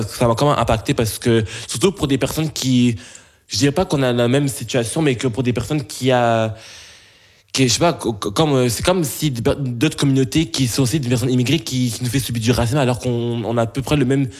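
A young man from Belgium answering interview questions, halting and full of restarts and fillers. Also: medium pitch, a little mellow.

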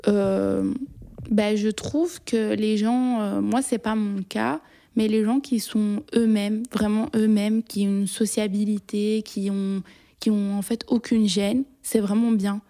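A young woman from Belgium responds to personal interview questions with shyness and hesitation, often restarting and filling gaps. Her voice is dark and mellow, her tone level, with pitch that hardly moves.

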